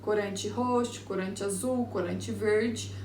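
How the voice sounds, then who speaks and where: Slow Brazilian woman teacher, echoey room. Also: medium pitch, steady tone, darkish tone. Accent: Brazilian Portuguese. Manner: slow, sounding out words syllable by syllable. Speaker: primary school teacher. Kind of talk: remote lesson review for young children. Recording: echoey room, far from the mic, faint background hum.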